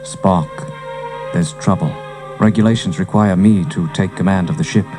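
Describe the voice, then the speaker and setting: An actor playing a decisive, authoritative starship admiral in an audio storybook adventure. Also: male voice, sits low, moderate pace, natural voice. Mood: earnest. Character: commanding, warm-hearted male starship admiral. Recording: cassette transfer with music underneath.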